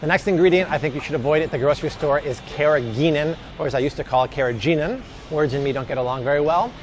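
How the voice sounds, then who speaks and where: Man host, slightly high voice, emphatic and chatty shopping-guide vlogger, faint music underneath. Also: very fast. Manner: chatty, emphatic, jokey asides. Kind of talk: casual grocery shopping advice vlog.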